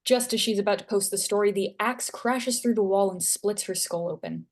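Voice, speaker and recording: A woman with a medium-pitched voice reads stage directions at a moderate pace as scripted narration.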